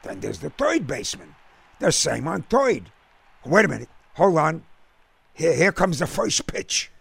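A man reading a brash ballpark regular in a storybook, talking blunt and impatient. The voice jumps up high and rough, husky at the edges. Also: very animated, unhurried, no echo, exaggerated voice. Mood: explaining, impatient. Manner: loud, blunt, impatient explaining. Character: brash, excitable baseball-loving American man.

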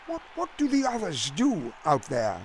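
A man voicing a polite, bewildered gentleman at his first baseball game, in a storybook reading. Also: sits high, huge pitch swings, measured pace, a faint crowd, a little hiss or hum, pitched above the performer's own voice, heavily acted. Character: prim, puzzled British gentleman new to baseball.

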